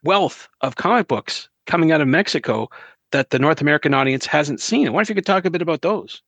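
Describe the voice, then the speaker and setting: A male podcast host asks his guest questions in a friendly, upbeat tone. He talks quickly in a somewhat high voice. The sound is dry and close. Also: lively intonation, fairly bright tone, no room sound. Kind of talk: interview questions.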